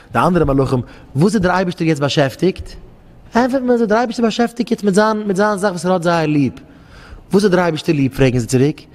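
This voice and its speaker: A man giving a fervent sermon as a rabbi, telling stories and dropping to a hushed plea when voicing a prayer. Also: big-room sound. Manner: fervent storytelling preacher, voices pleading prayers in a hushed low tone. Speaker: rabbi giving a daily encouragement talk.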